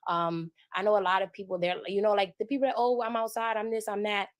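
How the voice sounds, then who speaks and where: A woman's voice: medium pitch, fairly even intonation, quick pace, no room sound. A woman in a casual discussion, giving earnest opinions with many fillers. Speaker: podcast guest.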